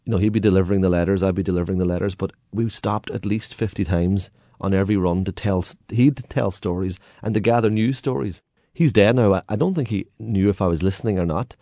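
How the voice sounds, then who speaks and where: A man's voice: sits low, fast talker, mellow, dry recording, clean studio sound. An Irish man telling stories and anecdotes in a lilting, conversational, colloquial way. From Ireland. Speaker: guest, tour guide and storyteller.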